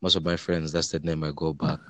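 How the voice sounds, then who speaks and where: A man with a very low voice and an East African accent from Uganda speaks as an interview guest. He gives measured, hesitant answers, often doubling back on words. The sound is dry and close. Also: flat delivery, a bit bright, no room sound. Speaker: interview guest, human rights lawyer.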